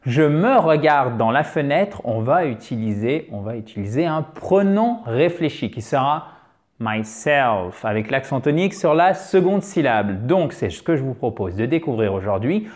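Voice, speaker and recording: A man teaching an English lesson on video, lively and emphatic, often addressing his viewers as dear friends. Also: mid-range voice, normal speed, few pauses.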